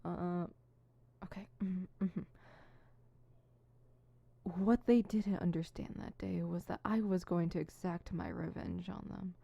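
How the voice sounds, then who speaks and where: A woman performs an exaggerated, grandiose and brooding supervillain in an ASMR roleplay, a scripted solo audio drama: insecure and theatrical, she rehearses monologues, breaking fumbling self-conscious muttering with pompous verse recital. Her fairly low voice is gravelly, warm and steady with a breathy edge, taking things slowly. The recording is dry and muffled.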